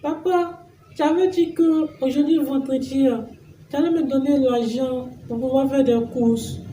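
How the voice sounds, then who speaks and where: A woman's voice: high-pitched, fairly even intonation, normal speed, warm tone, roomy sound, recorded from a distance, a little hiss or hum, lightly acted, low-quality recording. A young woman in a comedy sketch playing a daughter who pleads with and complains to her father. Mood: pleading.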